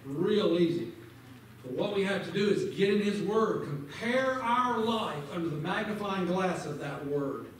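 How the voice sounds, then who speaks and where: A high-voiced man leads a Sunday school lesson at a measured pace, his intonation lively as he fervently cites scripture and directly exhorts listeners in a large sanctuary. Recorded from a far camera behind the pews, it sounds echoey and distant with slight noise.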